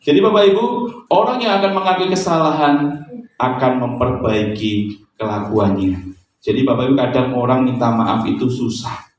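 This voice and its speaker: A man's voice: medium pitch, moderate pace. A pastor preaching a sermon in a chatty, joking way to his congregation. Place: church hall. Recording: echoey church hall, distant mic, faint noise.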